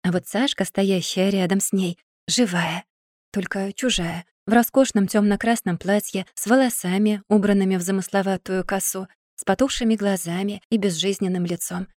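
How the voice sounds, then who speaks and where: A woman narrating a fantasy audiobook in an even, measured storytelling manner. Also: medium pitch, no room sound, clean studio sound. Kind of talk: scripted fairy-tale narration.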